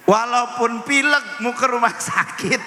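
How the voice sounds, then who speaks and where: A man's voice: very high voice, measured pace, bright, forceful tone. A middle-aged man gives a humorous sermon and acts out the voices he quotes. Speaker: preacher. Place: large hall at a religious celebration. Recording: echoey hall with long reverb.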